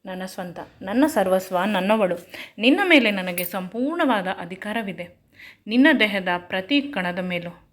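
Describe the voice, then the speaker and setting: A woman reading a possessive young lover man. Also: mid-range voice. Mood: insistent.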